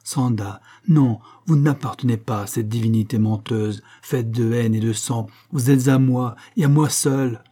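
A man's voice: medium pitch, measured pace, few pauses, dark tone, lightly acted. A man voicing a passionate, desperate young Frenchman in an audiobook, with impassioned, pleading declamation. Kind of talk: audiobook character voice.

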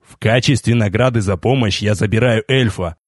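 A man's voice: fairly low pitch, moderate pace, no echo, studio quality, pitched below the performer's own voice, lightly acted. Man doing a cold, menacing sorcerer prince. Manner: cold, flat, contemptuous.

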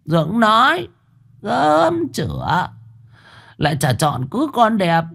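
A man voicing an older village wife, in a flustered falsetto. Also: wildly swooping pitch, slow pace, creaky, a bit bright, full character voice. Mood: sulky.

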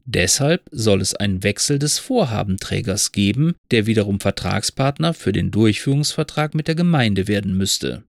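Male podcast host, gravelly and lively, wry and rambling; dry close mic. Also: fairly low pitch, moderate pace, few pauses, dry recording. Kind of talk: monologue and poem reading.

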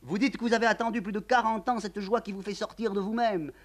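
A man's voice: high-pitched, fast talker, voice pushed up, natural voice. A man doing a weary ironic count. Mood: mocking. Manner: dry mocking irony.

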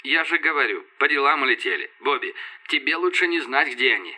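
A male narrator voicing a calm, teasing male fleet commander who speaks evenly. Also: medium pitch. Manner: calm, unhurried.

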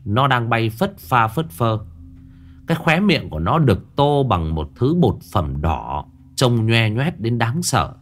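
Man telling a lively horror story. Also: on the low side. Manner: dramatic, lively delivery with drawn-out phrasing. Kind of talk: scripted horror narration.

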